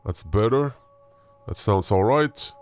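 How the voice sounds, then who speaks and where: Young male gamer, voice changer dropping his pitch, trash-talking opponents mid-match. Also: lively intonation, slow pace, over music. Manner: taunting, trash-talking other players. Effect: voice changer lowering the pitch. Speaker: gamer playing as the killer. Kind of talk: live gameplay commentary.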